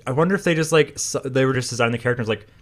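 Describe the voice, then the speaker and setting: A man co-hosting a podcast in casual chat, often halting and repeating words as he recaps. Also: medium pitch. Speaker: podcast co-host.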